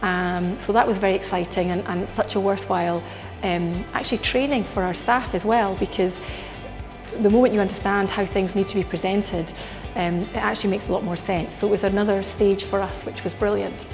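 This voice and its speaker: A middle-aged woman talks earnestly about her hotel, often pausing on ums and restarting her phrases. Her voice sits at an ordinary pitch. Clear music plays under her in an indoor bar. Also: fairly even intonation. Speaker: hotel director. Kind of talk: filmed workplace interview. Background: background music.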